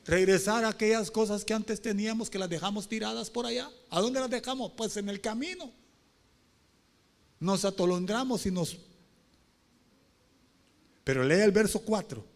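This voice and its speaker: A man preaching a sermon as pastor, moving from low talk to shouted pleas and calling on the congregation with questions. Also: moderate pace, creaky, pauses often. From Honduras.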